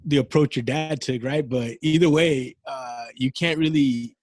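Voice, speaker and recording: A man's voice: mid-range voice, a little slow, darkish tone, no echo. A man co-hosting a comedy podcast, chiming in with short profane reactions and questions. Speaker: podcast co-host. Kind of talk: casual comedic chat.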